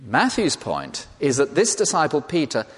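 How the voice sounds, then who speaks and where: A man's voice: fairly high pitch, huge pitch swings, moderate pace. A man preaching a sermon, emphatic and full of rhetorical repetition. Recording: long hall reverb.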